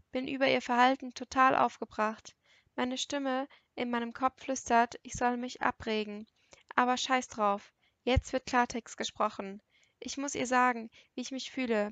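A woman narrating a first-person novel as an audiobook, in an intimate, even storytelling manner. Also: fairly high pitch, moderate pace, no room sound.

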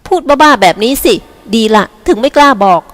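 A woman's voice: sits high, lively intonation, moderate pace, big-room sound, voice pushed up. A woman voicing a composed, protective older sister who presses her sibling for answers, in an audiobook. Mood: pressing. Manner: pressing, demanding.

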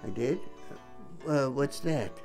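Older man, unhurried cooking chat, lively pitch, home kitchen, faint music behind. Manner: chatty, enthusiastic, chuckling. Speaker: cooking video host. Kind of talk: casual cooking demonstration.

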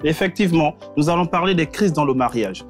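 A man's voice: on the high side, animated, brisk, faint music behind. Joking man co-hosting a talk show. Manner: joking, teasing banter. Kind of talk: casual studio chat. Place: TV studio set.

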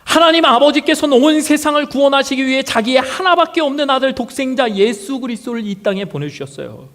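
High-voiced male pastor in a reverberant church. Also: lively intonation, a little fast, fairly bright tone. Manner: storytelling with many rhetorical questions to the congregation. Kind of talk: sermon. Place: church sanctuary. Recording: long reverb of a church hall.

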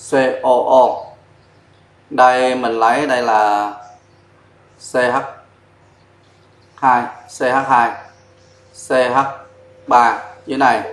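Male chemistry teacher, mid-pitched, patient step-by-step board explainer, echoey room. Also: a bit bright. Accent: Vietnamese. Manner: explains step by step, spells out formulas letter by letter. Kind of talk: whiteboard chemistry lesson. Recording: echoey classroom sound.

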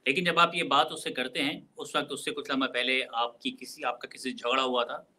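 A man giving a recorded university lecture, explaining carefully, mixing in English phrases and slowing down to stress key words. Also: mid-range voice, flat delivery, sharp tone, low-quality recording.

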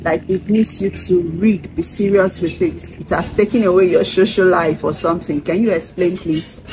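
A young woman hosts a casual indoor interview in a room with a red wall and a barred window, chatty, laughing often and asking playful questions. Her lowish voice is warm and steady at a moderate pace, with soft background music on a noisy home video.

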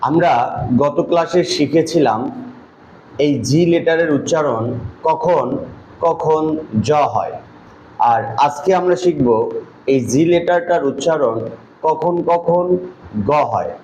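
A man teaching English pronunciation, explaining each rule in a slow, methodical classroom style and spelling words out letter by letter. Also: a little high, a little mellow. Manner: spells out letters one by one, repeats rules. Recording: echoey room with faint background noise.

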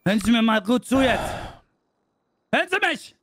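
A man's voice: extremely high pitch, very animated, moderate pace, fairly bright tone, no room sound, exaggerated voice. A man voicing a bumbling male police detective who speaks broken German with Turkish interjections, in a casual game role-play. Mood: stern. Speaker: roleplay player.

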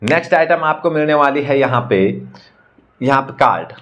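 A man who is a magician, briskly showing and explaining magic props one after another in a casual demo. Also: medium pitch, fairly bright tone. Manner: brisk, talking props through each trick. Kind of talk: casual product demonstration.

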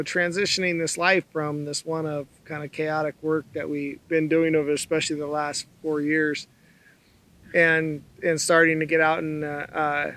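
A middle-aged man co-hosting a sailing vlog, talking in a steady, thoughtful way with pauses and fillers, seated outdoors on open dunes and filmed from a tripod camera. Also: a little high. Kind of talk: casual chat.

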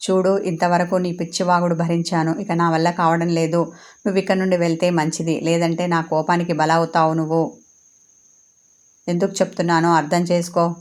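A woman voicing a proud young wife who speaks in an indignant, sharp way. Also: lowish voice, little pitch movement, normal speed, close to an everyday voice.

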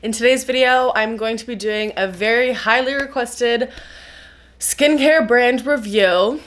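Woman, young adult, nasal cold voice, chatty with fillers, slightly high pitch. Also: unhurried, fairly bright tone. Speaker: skincare reviewer, biochemist YouTuber. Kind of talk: casual explanatory video review.

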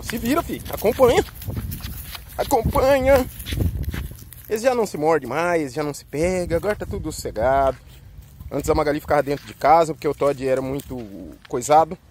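A man's voice: fairly high pitch, a little mellow, slight background noise. A man with a Brazilian Portuguese accent, walking his dogs outdoors and talking to them in a chatty, coaxing way. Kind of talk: casual talk to pets on a walk. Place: outdoors on a street walk.

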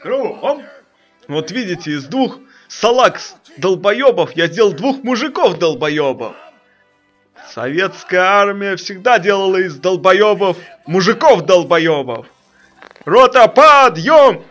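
A man's voice: sits high, animated, measured pace, fairly bright tone, soft background music. A man voicing a bullying, foul-mouthed army drill sergeant who barks commands and insults in a comic parody dub. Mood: barking, bullying.

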